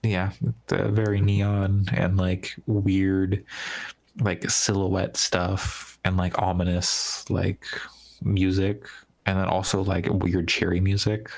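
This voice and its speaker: A man's voice: sits low, completely flat delivery, takes it slowly, gravelly. A man co-hosting a gaming podcast, chatting casually and rambling with lots of "like" and restarts. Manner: rambling, heavy use of "like", trailing restarts. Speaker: podcast co-host.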